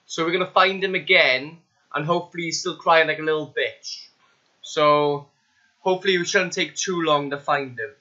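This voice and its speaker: Casual vlogger, crude rambling humor, slightly high voice, lo-fi webcam mic. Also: male voice, moderate pace, pushed and bright. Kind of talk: casual video chat vlog.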